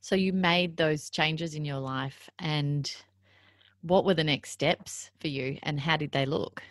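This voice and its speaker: Woman podcast host, lowish voice, dry close sound, agrees a lot, thoughtful. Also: takes it slowly, dry recording. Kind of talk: interview hosting.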